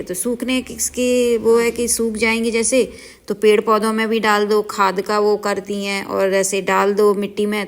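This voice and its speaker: Thirties woman doing chatty voiceover for her house vlog, kinda gravelly, flat, wanders off and corrects herself. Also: mid-range voice. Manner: homely, rambling, self-correcting. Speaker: home vlogger. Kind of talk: chatty voice-over narration.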